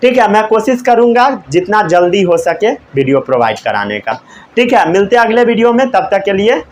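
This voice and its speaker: A young man teaching a class, asking questions, repeating the answers and dictating key lines slowly word by word. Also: sits high, sing-song, slight background noise. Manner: asks students questions, repeats answers, mixes English terms. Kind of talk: classroom lecture.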